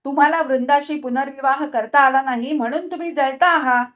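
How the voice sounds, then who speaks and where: A woman voicing a jealous, furious young wife in a storybook reading, shrill and accusing. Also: steady tone, a little fast, a bit bright.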